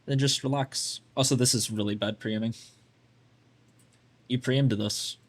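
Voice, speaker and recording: Unhurried and fairly even in intonation, this game coach's mid-range voice guides a player through their game. He speaks bluntly and casually, chatting away with plenty of "like" thrown in.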